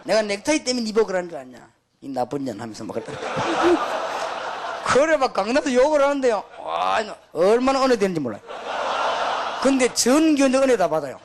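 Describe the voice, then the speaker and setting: A middle-aged man, preaching to pastors in an emphatic, storytelling way. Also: high voice. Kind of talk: sermon to pastors.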